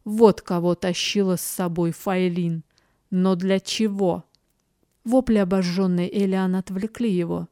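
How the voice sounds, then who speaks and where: A woman's voice: lowish voice, steady tone, a little slow, dark tone, no echo. Woman reading fantasy narration, dry sound. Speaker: audiobook narrator.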